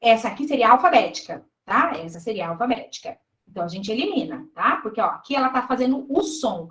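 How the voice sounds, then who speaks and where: A woman with a Brazilian Portuguese accent leads an exam review, working through answer choices step by step. Her voice sits a little high. The room around her rings with a noticeable echo. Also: big pitch swings, quick pace, fairly bright tone. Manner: explanatory, checks in with students often. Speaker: teacher reviewing exam questions. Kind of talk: live online exam-prep lesson.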